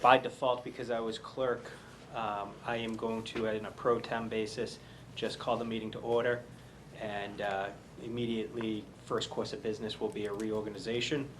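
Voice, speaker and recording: A man's voice: lowish voice, little pitch movement, moderate pace. A man leads a committee meeting in a municipal room, taking the roll and moving through procedure. He speaks with frequent hesitations and fillers, easing the formality with small jokes. A light hiss of background noise sits under the voice. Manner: hesitant, many fillers, joking asides. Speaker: committee clerk chairing the meeting.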